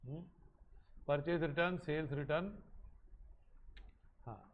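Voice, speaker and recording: A man with a slightly high voice teaches a commerce class. He keeps asking his students questions and then answers them himself, and he slips English terms into his Hindi. The recording sounds dull and lo-fi. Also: takes it slowly. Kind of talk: classroom lecture.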